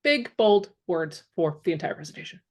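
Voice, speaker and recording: A woman's voice: on the low side, sing-song, moderate pace, darkish tone. A woman co-hosting a webinar, chiming in casually and frankly, often saying "like". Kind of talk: casual chat commenting on the presentation.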